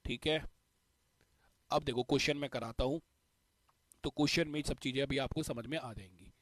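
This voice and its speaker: A man's voice: medium pitch, steady tone, normal speed, no room sound. A male teacher explaining a math concept step by step, repeating the key points. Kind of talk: exam-prep math lesson.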